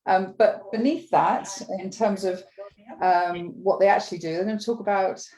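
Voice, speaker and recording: A woman hosting a livestreamed business chat, enthusiastic and talking with frequent ums and pauses. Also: mid-range voice, fairly even intonation, warm tone, rough recording. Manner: enthusiastic, hesitant with many ums. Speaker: host.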